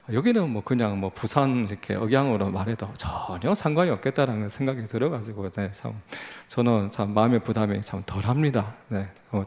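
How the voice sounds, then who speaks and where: A lay missionary in his forties from Busan, South Korea, preaches in a church sanctuary with a Gyeongsang accent, his voice lowish, creaky and slightly mellow. His sermon is a conversational testimony, told in a folksy, self-deprecating way full of fillers and restarts.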